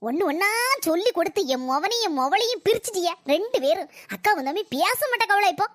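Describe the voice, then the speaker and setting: A woman playing a shrill, whiny old mother-in-law. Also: expressive, quick pace, no room sound, clean studio sound. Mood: self-pitying. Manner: complaining, sarcastic, whiny. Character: old mother-in-law, nagging and self-pitying. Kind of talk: comedy skit acting.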